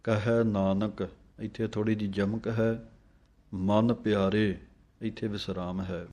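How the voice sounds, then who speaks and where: A man teaching careful scripture recitation line by line, chanting each phrase slowly and then briefly explaining how to say it. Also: on the low side, flat delivery, warm tone. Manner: slow chanted lines, then quick spoken corrections.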